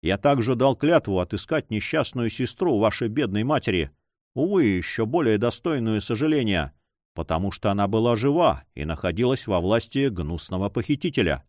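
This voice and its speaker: A man reading the part of a gentle monk who speaks quietly and mournfully. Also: on the low side, expressive, moderate pace, no room sound, studio quality, lightly acted. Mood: explaining. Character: grieving monk, gentle and helpless.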